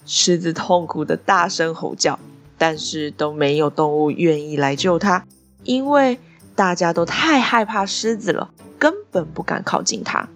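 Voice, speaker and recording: A woman narrating a bedtime story for children in a gentle, soft, expressive way. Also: lowish voice, unhurried, soft background music. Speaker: podcast storyteller.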